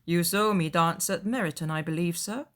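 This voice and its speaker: A woman voicing a proud, reserved gentleman with a grave, formal, clipped manner in an audiobook. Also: on the low side, moderate pace, lightly acted. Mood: aloof, curt.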